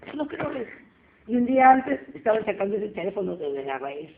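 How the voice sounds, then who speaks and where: A woman, giving a lively church testimony and acting out the dialogue as she tells it. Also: mid-range voice, a little fast, creaky. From Peru. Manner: animated storyteller acting out dialogue. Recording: tinny phone-like line with faint noise.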